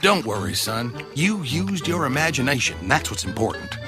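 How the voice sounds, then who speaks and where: A voice actor playing a playful, imaginative young monster boy who speaks earnestly and gently. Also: medium pitch, very animated, slow. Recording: cartoon with loud music behind.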